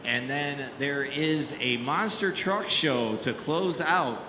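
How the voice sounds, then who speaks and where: A man's voice: on the high side, slow. A man working as a tractor pull announcer, projecting his voice as he calls out event details in announcer style. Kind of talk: event announcing over PA, reading class rules and sponsor copy. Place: fairground grandstand event. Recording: echoey PA, clear engine and ambient noise.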